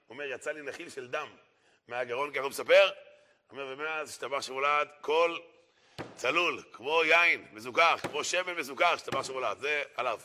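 A male preacher telling stories to his listeners in a sermon. His tone is very bright and piercing, and he drives each point home by saying it again and again. His pitch sits in an ordinary middle range for a man. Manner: emphatic, repeats phrases for effect. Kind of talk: storytelling sermon.

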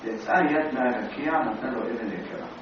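A man giving a sermon as a religious teacher, telling a story with animated, dramatic delivery and rising exclamations. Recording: far-off echoey hall, dull lo-fi sound, low rumble.

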